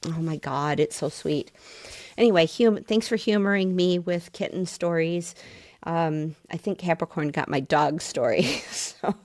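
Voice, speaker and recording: A middle-aged woman with a notably low voice gives a casual tarot reading. She is chatty and excitable, thinking aloud and sometimes speeding up. The sound is dry and close, with no room behind her. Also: dry recording. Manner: talks fast at times. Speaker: tarot reader.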